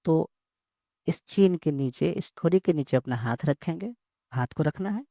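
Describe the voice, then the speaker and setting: A male teacher explains slowly and steadily, often going back over the same words. His voice sits a little high for a man yet sounds dark and gravelly. It is recorded close up and dry. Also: expressive, dry recording. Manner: slow, repeats words and phrases while explaining. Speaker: English teacher. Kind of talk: bilingual lesson explanation.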